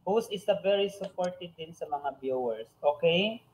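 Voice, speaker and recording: A woman with a Filipino accent hosting a game live stream, chatting casually and teasing as she gives viewers shoutouts. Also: on the low side, expressive, normal speed, low-quality recording.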